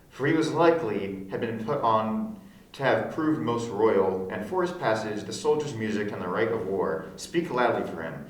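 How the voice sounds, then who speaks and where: A man's voice: medium pitch, natural voice. Guy doing commanding prince, solemn, amateur shakespeare reading, echoey and a bit far off. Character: solemn conquering young prince giving orders. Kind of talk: amateur read-through of a Shakespeare play. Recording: echoey room, distant mic.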